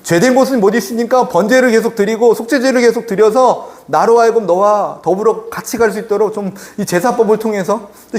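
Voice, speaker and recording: High-voiced pastor telling Bible stories. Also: male voice. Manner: animated storytelling, acting out scripture scenes. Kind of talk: sermon.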